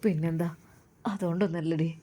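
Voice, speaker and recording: A woman voicing a gentle, sorrowful male religious teacher in a lowered, soft voice. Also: fairly even intonation, brisk, close to an everyday voice.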